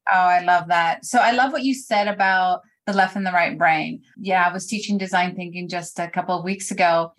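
A woman's voice: fairly low pitch, fairly even intonation, fairly quick, hardly any pauses, a bit bright. A woman hosting an interview, affirming her guest and asking questions. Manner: encouraging, affirming. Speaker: podcast host.

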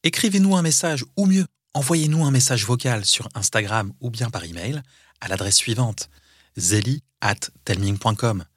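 A man's voice: medium pitch, animated, moderate pace, slightly rough, no echo, studio quality. A man hosting a children's story show, speaking directly to young listeners from a script.

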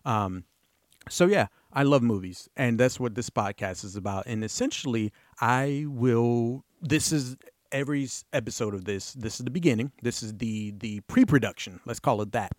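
An excitable man chats through his solo podcast. His middling voice drifts into rambling asides and playful emphasis. The sound is dry and close, with no room around it. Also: mid-range voice, moderate pace, no echo. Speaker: podcast host. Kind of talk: casual solo podcast talk.

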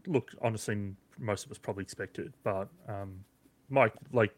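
A man's voice: lowish voice, moderate pace. A man co-hosting a casual gaming chat and speaking hesitantly. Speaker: podcast co-host.

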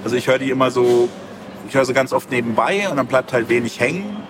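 A graphic novel creator, interviewed outdoors at a busy book fair, talks casually and rambles as he thinks aloud. His voice is medium-pitched and quick, with clearly noisy fair ambience around him.

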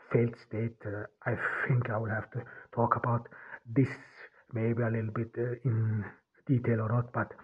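A podcast host whose first language is German delivers a solo monologue in a flat, husky, mid-range voice. He halts and restarts sentences constantly, repeating words, his level tone barely shifting as he searches for words. The audio sounds thin and tinny, like a phone line.

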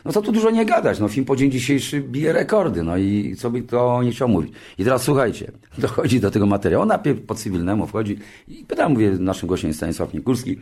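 A man in his sixties, a television show creator, telling an anecdote in a lively way. He often restarts his sentences and jumps into higher voices when he quotes other people. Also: fairly quick. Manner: frequent restarts and filler words. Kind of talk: anecdotal storytelling.

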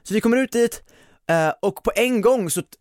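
A woman's voice: a little high, dry recording, studio quality. A woman in her twenties co-hosting a podcast, telling a story casually and acting out what people said. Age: 20s. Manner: animated storytelling, acting out quotes. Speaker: podcast co-host.

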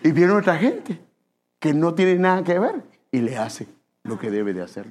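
A man's voice: a little high, big pitch swings, normal speed, darkish tone, slight background noise. A man preaching a sermon, chatty, asking his listeners questions and calling them brother. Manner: conversational, addresses listeners as brother, asks questions.

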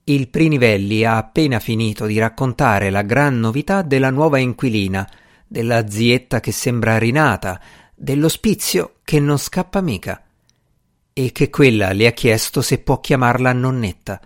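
A man reads a novel aloud in an even mid-range voice, with wry, measured timing. His scripted narration is serial audiobook storytelling. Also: mid-range voice.

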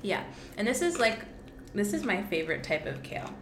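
A woman's voice: mid-range voice, very animated, brisk, echoey room, a little hiss or hum. A woman co-hosting a podcast as a dietitian, chatting loosely with many "like" fillers while tasting food.

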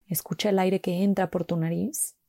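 A woman slowly guiding a mindfulness walk with calm, gentle instructions and long pauses. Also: on the low side, no echo, clean studio sound. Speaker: meditation guide.

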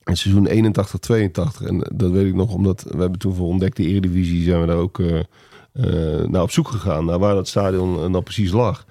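A man with a Dutch accent hosting a casual podcast chat, measured and a little hesitant in delivery. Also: low voice, fairly even intonation, mellow, no echo, clean studio sound. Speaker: podcast host.

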